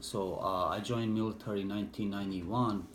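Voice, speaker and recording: A middle-aged man from Bosnia with a Bosnian accent, English not his first language, recalling his past haltingly with many fillers and restarts in an interview. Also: lowish voice, steady tone. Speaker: interviewee, war veteran. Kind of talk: personal recollection, hesitant. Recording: echoey room with faint background noise.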